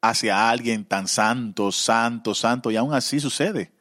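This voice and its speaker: A man preaching a sermon, halting with fillers, then rising into fervent, emotional pleas. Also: medium pitch, a bit bright.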